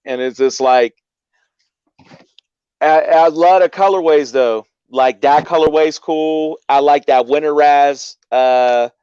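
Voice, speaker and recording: A smooth male voice with an American accent, pitched a little high. He chats casually as a stream guest, over audio that is dry and somewhat dull. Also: takes it slowly, darkish tone, dry recording. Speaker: livestream guest. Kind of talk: casual chat.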